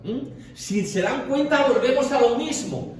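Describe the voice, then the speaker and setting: A man's voice: very high voice, lively intonation, measured pace. A man leading a Bible study group, explaining at length and often checking in with the listeners. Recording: echoey room, far from the mic, faint noise.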